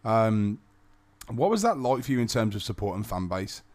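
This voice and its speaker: A man hosting a casual interview, relaxed and teasing. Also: on the low side. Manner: relaxed, teasing, quick to laugh. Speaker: interviewer, podcast host.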